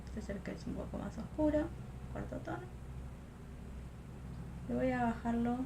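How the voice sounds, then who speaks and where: Young woman, relaxed chatty makeup vlogger at home, faint room noise. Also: a little high, fast talker, creaky. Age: young adult. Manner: chatty, thinks aloud with fillers. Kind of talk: casual makeup tutorial. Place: home room, close to a lamp.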